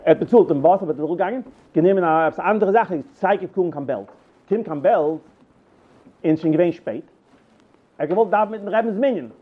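High-voiced man on tinny line. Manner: halting, repeats and restarts words, animated. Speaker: storyteller. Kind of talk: rambling personal anecdotes.

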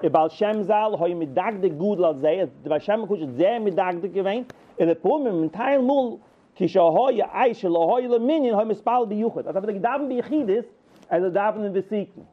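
A man telling rambling personal anecdotes, halting and repeating himself as he goes. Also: high-pitched. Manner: halting, repeats and restarts words, animated. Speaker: storyteller. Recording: tinny phone-like line.

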